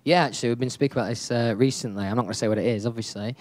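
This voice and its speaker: A man's voice: mid-range voice, very fast, dry recording, clean studio sound. A young man answering questions in a casual radio interview, laid-back and hesitant, with lots of fillers. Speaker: interview guest, singer.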